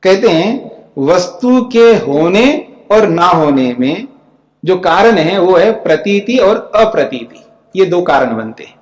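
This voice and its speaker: In an ashram lecture hall, a spiritual teacher with a high voice speaks slowly but very animatedly, reading Sanskrit lines and explaining each in plain speech. He keeps checking that his audience follows along. The recording is echoey, with long reverb.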